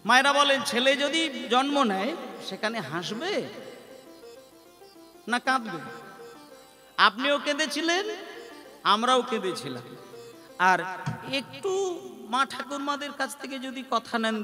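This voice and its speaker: A man preaching a devotional kirtan sermon in slow, drawn-out storytelling. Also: very high-pitched, sharp tone, in a large hall. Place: stage with live devotional music.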